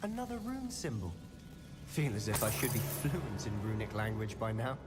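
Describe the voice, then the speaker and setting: A man's voice: on the low side, expressive, moderate pace, natural voice. A man voicing a confident, wry young student wizard companion in a game, with long reverb and music underneath.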